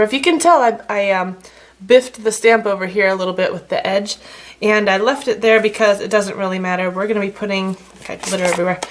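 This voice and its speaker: A woman giving a casual, chatty card-making tutorial with plenty of fillers, a slight frog in her throat. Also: mid-range voice. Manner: chatty, relaxed, many fillers. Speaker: stamping craft demonstrator.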